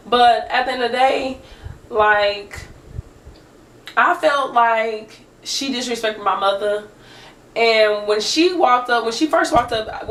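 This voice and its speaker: A young woman vlogger telling a story in an animated, chatty way, talking straight to her viewers. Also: a little high, recorded from a distance. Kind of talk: casual storytime chat. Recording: roomy echo, speaker away from the mic.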